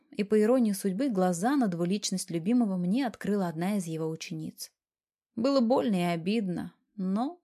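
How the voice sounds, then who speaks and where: A woman narrates an audiobook in a mellow, warm voice. Her reading is expressive, and she gives the dialogue a light touch. She holds a steady, middle pitch.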